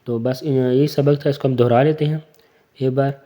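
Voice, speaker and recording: Guy teaching quran reading, slow and patient, letter by letter, mellow warm voice, keeps saying theek hai. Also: medium pitch, steady tone. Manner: asks the learners questions and answers them himself; fills pauses with "theek hai". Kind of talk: recorded lesson.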